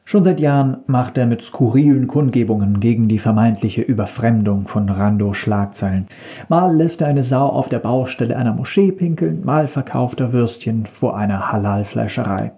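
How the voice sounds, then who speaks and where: A man's voice: medium pitch, moderate pace, mellow. A man narrating a satirical story in a dry, ironic, mock-serious tone.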